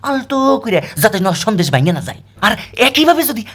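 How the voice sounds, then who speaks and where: A comedian performs a comic monologue as a sarcastic, aggrieved male street dog, grumbling in a husky voice whose lively pitch swoops up and down. The delivery is brisk and exaggerated, and every complaint lands as a pointed rhetorical question.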